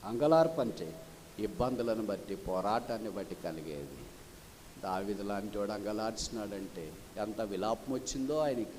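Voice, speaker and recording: A man's voice: normal speed, a little hiss or hum. Man preaching a sermon in a hall. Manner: swings between loud rhetorical questions and low soft stretches; mixes English phrases into his preaching.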